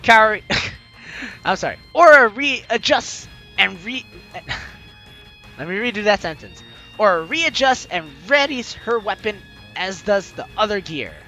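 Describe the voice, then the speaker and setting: Slow and high-voiced, a man reads a visual novel's story aloud for his let's play. He performs it dramatically, with a theatrical, animated flair, over game music.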